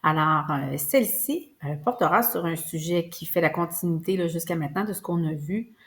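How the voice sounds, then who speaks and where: A woman's voice: on the low side, moderate pace, a bit bright. A woman, a preschool teacher patiently explaining a lesson, with frequent hesitations. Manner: patient, careful, many fillers.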